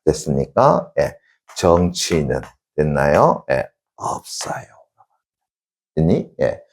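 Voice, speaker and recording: Male teacher, very low gravelly voice, husky, lively storytelling, keeps checking in. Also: slow. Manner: constantly checks in with students, answering himself; animated storytelling, sound effects. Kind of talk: Korean classics lecture, storytelling.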